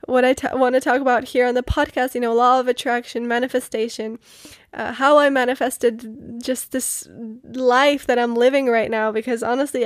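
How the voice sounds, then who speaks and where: A woman's voice: a little high, no echo, clean studio sound. A young woman from the Czech Republic, a native Czech speaker, hosting her own podcast and chatting earnestly about her life, with lots of "like" and "you know". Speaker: podcast host. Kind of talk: casual solo podcast storytelling.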